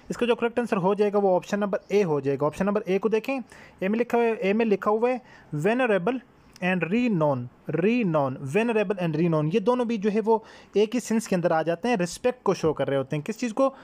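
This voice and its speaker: High-voiced man teaching test prep. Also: a little mellow. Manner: explains word meanings, repeats answers.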